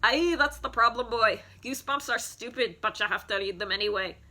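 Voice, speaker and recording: A woman's voice: on the high side, brisk, sharp tone. A woman voicing a stereotypical stern Scottish woman teacher in a put-on Scottish accent, scolding matter-of-factly during child's play.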